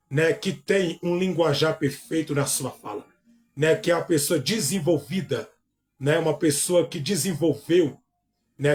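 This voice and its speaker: A male pastor teaching a Bible lesson who reads verses aloud, calls out each punctuation mark, and repeats phrases to explain them. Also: fairly high pitch. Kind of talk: bible study sermon.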